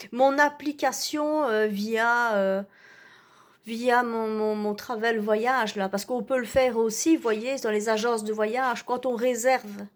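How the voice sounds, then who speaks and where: A woman playing an indignant, self-righteous vaccinated woman in an ironic rant, full of hesitations and tag words. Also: on the high side. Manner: hesitant, full of "euh" and "hein". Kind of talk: ironic satirical rant to camera.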